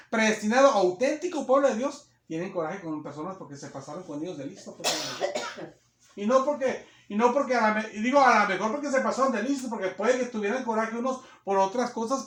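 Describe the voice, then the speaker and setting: A man preaching a sermon, emphatic and repetitive, often checking in with his listeners, recorded on a phone in a church hall. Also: high-pitched. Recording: echoey room on a phone.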